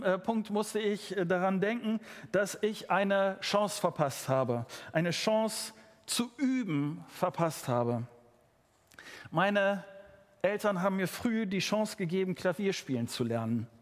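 Male preacher, high voice, earnest direct sermon delivery, church hall reverb. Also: lively intonation, takes it slowly. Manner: earnest, direct address to listeners, varied pitch.

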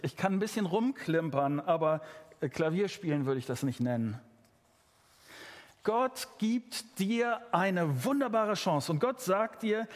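A man's voice: sits high, big-room sound. A man preaching a sermon, speaking earnestly and addressing his listeners directly.

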